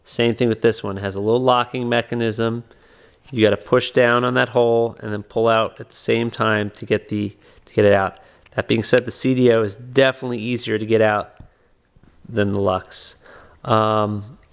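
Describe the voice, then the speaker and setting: A man giving a casual video review of phone cases, talking in a halting way with many ums and restarts. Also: mid-range voice, steady tone, smooth. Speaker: product reviewer. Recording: dull lo-fi home video sound.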